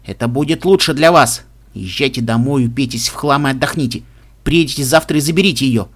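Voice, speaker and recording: A man voicing a frantic middle-aged doctor who talks loudly and brusquely in an audiobook reading. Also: mid-range voice, natural voice. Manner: loud, hurried, brusque.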